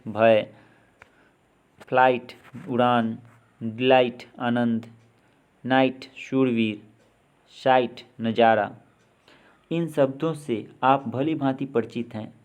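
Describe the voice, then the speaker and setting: Slow Indian man teaching English. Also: mid-range voice. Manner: spells words letter by letter, then gives the meaning. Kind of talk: slow spoken lesson.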